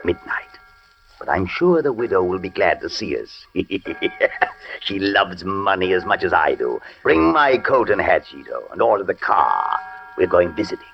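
An actor playing a fat, sly, greedy master villain in a 1940s radio drama, husky and chuckling. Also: male voice, sits low, sing-song, normal speed, soft background music, exaggerated voice. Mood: sly, amused. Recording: dull lo-fi 1940s radio recording.

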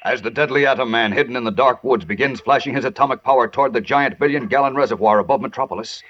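A man's voice: medium pitch, fast talker. A man narrating as a 1940s old radio announcer, with an urgent, theatrical, emphatic scripted delivery. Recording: noisy, dull vintage radio recording.

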